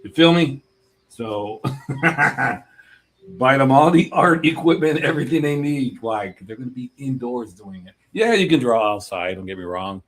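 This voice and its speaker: A man's voice: medium pitch, lively intonation, normal speed, poor audio. A middle-aged man hosting a live stream as an artist, chatting in a rambling, casual way and laughing often.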